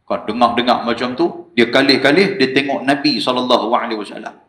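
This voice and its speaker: A man with a northern Malaysian Malay accent giving an evening lecture in a small prayer hall, telling stories animatedly and swinging between low asides and raised exclamations. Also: a little fast, a bit bright. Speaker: religious lecturer. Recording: echoey prayer hall recording.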